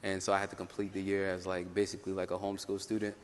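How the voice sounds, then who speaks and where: A young man panelist telling his story in a casual way, full of "like" fillers and quick laughs. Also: deep voice, completely flat delivery, a little hiss or hum. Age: young adult. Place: conference hall. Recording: roomy hall, faint ambience.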